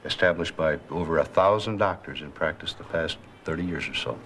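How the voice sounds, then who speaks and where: An actor with a very low voice plays a physician in a scripted dramatization, explaining things in a calm, measured, formal, instructive way. Faint background noise sits behind him.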